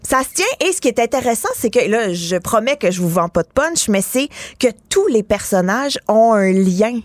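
A woman's voice: fairly high pitch, animated, normal speed, no echo, studio quality. A woman with a Québécois French accent, a comedian presenting a novel on a radio show in a chatty, enthusiastic way. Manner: chatty, enthusiastic, many fillers. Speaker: comedian and book columnist. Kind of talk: radio book review chat.

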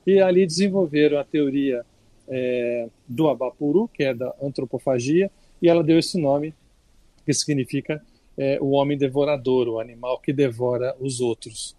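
An older Brazilian man, a culture critic, chats casually on a radio segment in a mid-range voice at normal speed, with no echo. His Brazilian Portuguese delivery is relaxed and full of restarts.

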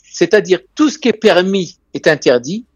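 Guy with israeli accent in french, highish voice, telling travel stories, repeats stuff for emphasis, bit muffled. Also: expressive, normal speed, breathy edge, no room sound. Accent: foreign, Israeli accent in French. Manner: emphatic, repeats key phrases. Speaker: interview guest, real estate and tourism businessman. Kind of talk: conversational travel anecdotes.

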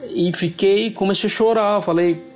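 A man with a high voice and Arabic as his first language recounts a painful personal story in halting, simple phrasing. Soft music plays quietly behind him. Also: steady tone. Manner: simple, halting non-native Portuguese phrasing. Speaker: interview guest.

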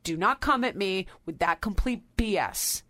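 A woman's voice: medium pitch, expressive, normal speed, bright, forceful tone. A woman hosting a sports podcast, giving emphatic, fired-up opinions in casual talk. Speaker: podcast host.

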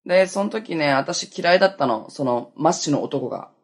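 Chatty young woman with a husky, lively voice. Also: low-pitched, normal speed. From Okinawa, Japan. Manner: chatty, laughs often, self-mocking. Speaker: podcast host. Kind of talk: casual solo chat.

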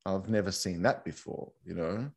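This Australian man is a guest in an interview, a massage teacher for couples. His deep voice carries vocal fry and is a little mellow and slightly rough at a normal speed. He talks casually and rambles, with lots of fillers and restarts.

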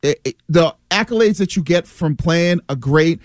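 A man's voice: on the high side, animated, normal speed, no echo, clean studio sound. An American man, a former player, talking sports casually as a radio panelist, reasoning aloud and often repeating himself.

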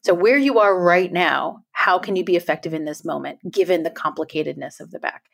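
A woman's voice: lowish voice, a little fast, gravelly. A middle-aged woman, a guest author, speaking earnestly in a podcast conversation, often checking in with "right?". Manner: earnest, emphatic, frequent "right?" tags.

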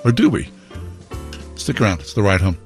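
A man's voice: fairly low pitch, big pitch swings, brisk, faint music behind. A man chatting casually as a radio show co-host.

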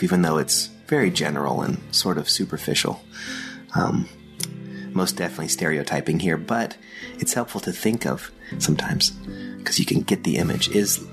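Slow-spoken Austrian-accented man, very low gravelly voice. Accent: Austrian German. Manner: slow, thoughtful, with frequent fillers. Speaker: podcast host. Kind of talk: solo podcast teaching.

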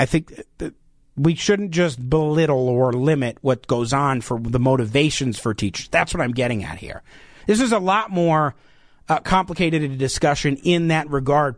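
An American man hosting an opinionated radio talk show, speaking emphatically with halting self-corrections into a studio microphone. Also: medium pitch, no room sound. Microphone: close studio radio microphone.

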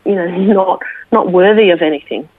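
An Australian woman, a military veteran, sharing her story slowly and reflectively as an interview guest, with many small fillers. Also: lowish voice, dry recording. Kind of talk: personal testimony interview. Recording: tinny phone line, dry.

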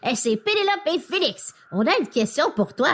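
A woman's voice: high-pitched, sing-song, moderate pace. A woman voicing Pénélope, a curious, cheerful young girl who co-hosts a children's show and reacts with enthusiasm. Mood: enthusiastic. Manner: enthusiastic, exclamatory. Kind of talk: children's TV dialogue.

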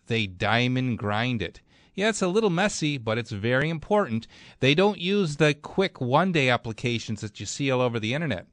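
Man, American accent, radio host, conversational sales pitch, mid-range voice, dry close studio sound. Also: a bit bright, dry recording. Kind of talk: live radio advertising chat and endorsement.

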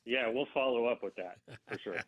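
A man's voice: mid-range voice, a little fast. A man speaking as a company representative, answering conversationally as a guest in a radio interview. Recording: narrow, tinny phone line.

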